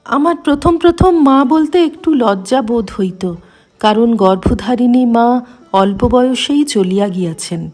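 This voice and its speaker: A woman reads a devotional memoir aloud, her voice sitting slightly high. She takes a slow, deliberate pace with measured, reverent phrasing. A soft thread of music runs faintly behind her. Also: animated. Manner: measured, reverent reading in formal literary prose. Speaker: reader. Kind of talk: scripted reading of a devotional memoir.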